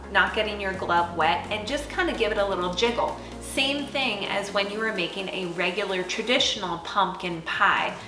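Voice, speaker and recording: A bubbly, chatty woman hosts a cooking demonstration in a kitchen. Her voice rings in an echoey room, and loud music plays underneath. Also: mid-range voice. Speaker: cooking show host.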